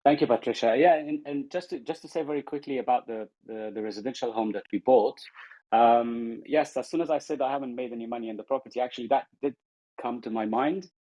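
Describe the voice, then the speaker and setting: A man's voice: medium pitch, fast, mellow. A man from Afghanistan, a guest in an interview, speaking hesitantly with many ums and restarts. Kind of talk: casual interview. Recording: muffled social audio stream.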